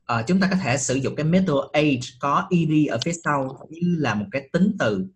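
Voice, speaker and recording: A man's voice: a little high, lively intonation, brisk, a little hiss or hum. A middle-aged man teaching an online English class, patiently checking with students by asking short questions, speaking.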